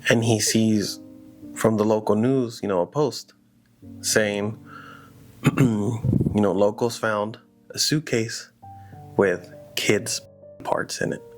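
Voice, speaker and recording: A man's voice: lowish voice, fairly even intonation, slow pace, pauses often, faint music behind. A man casually telling a horror story aloud, in a loose, rambling conversational way full of "you know" and "like".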